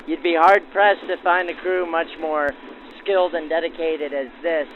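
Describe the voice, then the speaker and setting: With a slightly high voice, a steady tone and moderate pace, a man hosts and interviews guests on a train excursion show in formal, descriptive vintage-radio fashion. The voice is filtered like a 1940s broadcast, narrow and phone-like, over music and slight background noise.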